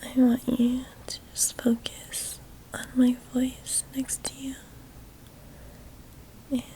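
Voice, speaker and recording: A very slow, soft spa-like whisper in an ASMR whispered role-play. A woman plays an affectionate childhood best friend, tender and lightly teasing. The voice sits fairly high and soothes as it guides the listener to relax. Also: completely flat delivery. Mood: soothing affection.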